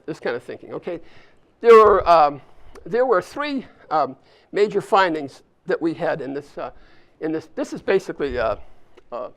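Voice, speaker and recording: In a university event space, an older speaker at an alumni volunteer summit delivers a chatty leadership talk, guiding the live audience through a hands-on exercise. His voice is creaky and sits on the high side.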